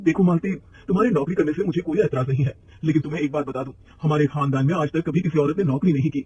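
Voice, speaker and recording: Man doing a young husband, easygoing, reassuring, fairly high voice, cartoon story. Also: fast talker, dark tone, breathy edge, recorded from a distance.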